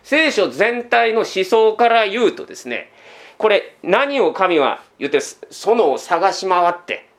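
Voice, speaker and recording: A man's voice: sits high, sing-song, slow pace, fairly bright tone. A man giving a sermon as pastor, in a conversational way full of rhetorical questions, often tagging sentences with a trailing "this".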